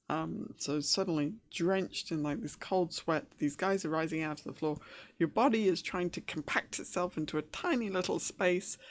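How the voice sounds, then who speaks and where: A woman narrating a tabletop game as game master, hesitant and full of fillers. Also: on the low side.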